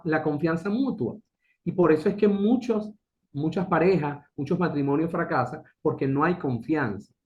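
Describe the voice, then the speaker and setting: A middle-aged man giving an earnest motivational talk as a business consultant, asking rhetorical questions and repeating key phrases. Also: fairly high pitch. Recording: dull lo-fi recording.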